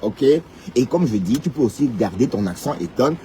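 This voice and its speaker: A man's voice: mid-range voice, expressive, moderate pace. Teasing man streaming over engine noise. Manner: teasing, sing-song, addressing viewers directly with many "hein?". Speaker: live streamer commenting on online personalities. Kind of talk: casual mocking live-stream monologue.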